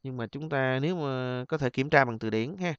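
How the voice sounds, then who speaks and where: A man teaching an exam review lesson, stretching out example words slowly and then explaining them in quick asides. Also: medium pitch, fairly bright tone, clean tone, no room sound, dull audio. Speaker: English teacher.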